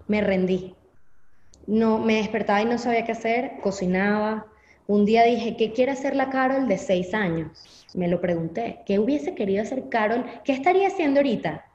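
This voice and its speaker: A woman's voice: fairly high pitch, darkish tone. A young woman with a Venezuelan Spanish accent tells her story candidly as an interview guest. She brings it alive by acting out her own past thoughts. The recording has a roomy echo and a slightly muffled, dull tone. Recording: echoey, slightly dull audio.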